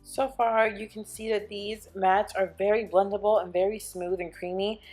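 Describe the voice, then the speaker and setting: A young woman beauty vlogger talks through a makeup tutorial and palette review, chatting her way through each step. Her mid-range voice is steady and her speed normal, with soft music playing in the background.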